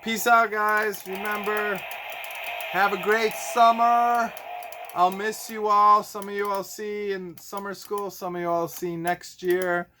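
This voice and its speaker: His voice sits high and stays fairly flat in pitch, slow, pushed, and bright, with a slight hiss or hum in the audio. This man, a teacher and children's show host, casually shows toys to kids with goofy theatrics and silly exclamations.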